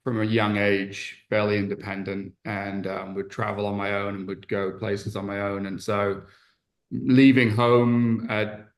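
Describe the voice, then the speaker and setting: Guy from england chatting on a podcast, lowish voice, thoughtful, lots of ums. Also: level tone, measured pace. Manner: reflective, candid, with frequent fillers and restarts. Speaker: podcast guest, entrepreneur. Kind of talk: casual conversation.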